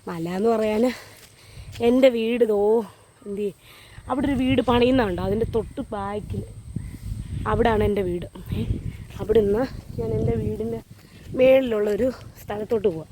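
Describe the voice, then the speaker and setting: A woman with a warm, relaxed, mellow tone, reminiscing casually to a phone camera. She walks uphill outdoors as she talks, rambling along with plenty of fillers. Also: mid-range voice, moderate pace, pauses often, slight background noise. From Kerala, India. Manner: chatty and meandering, with frequent fillers; talking while walking uphill. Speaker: vlogger. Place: outdoors on a hill beside a water tank.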